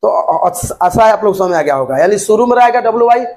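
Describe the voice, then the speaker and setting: A man's voice: high-pitched, animated, fast talker, darkish tone. A man teaching an English grammar lesson, repeating points and spelling words out letter by letter.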